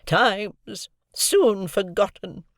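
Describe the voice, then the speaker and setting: A woman playing Miss Havisham, wailing high. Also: lively intonation, no echo, clean studio sound. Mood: moaning. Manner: moaning, wailing, drawn-out. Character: old jilted woman, wild and anguished. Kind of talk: audiobook drama reading.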